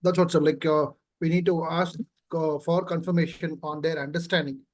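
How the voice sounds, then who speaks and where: A man's voice: fairly high pitch, level tone, normal speed, no echo. A man with an Indian accent answering in an online class in hesitant, broken phrases. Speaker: training participant. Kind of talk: spoken answer in an online session.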